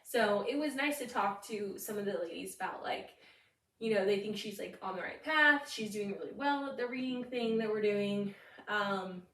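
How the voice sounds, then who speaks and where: Her voice sits in the middle range with a fairly bright tone and an unhurried, moderate pace as this thirtysomething podcast co-host chats away, laughing often and saying "like" constantly. Hiccups keep interrupting her, and the recording sounds roomy, as if the mic were far off.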